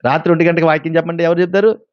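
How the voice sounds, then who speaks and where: Fast-talking male pastor, lo-fi sound. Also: a little high, fairly even intonation, dry recording. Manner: storytelling with questions to the congregation and acted quotes. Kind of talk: sermon. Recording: dull lo-fi sound.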